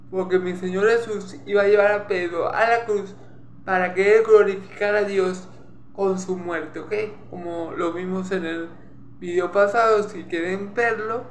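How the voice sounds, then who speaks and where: A Venezuelan man with a Maracaibo accent teaches scripture in a high voice. He explains patiently, repeats phrases and checks in with his listeners. The room is echoey, with a faint hum of ambient noise. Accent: Maracaibo Venezuelan Spanish. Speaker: preacher. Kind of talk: Bible teaching sermon.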